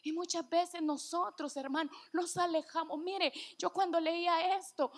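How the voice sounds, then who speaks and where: High-voiced woman preaching with fervor. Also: fairly even intonation, unhurried. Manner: emotional, rises to loud fervent passages then drops to near-whispers; addresses congregation as brother, many restarts. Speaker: church elder preaching. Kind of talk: sermon.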